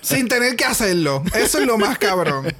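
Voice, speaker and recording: A man's voice: high-pitched, very animated, moderate pace, pushed and bright. A man with a Puerto Rican accent co-hosting a casual chat, sassy and slangy, dropping in English. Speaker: podcast co-host.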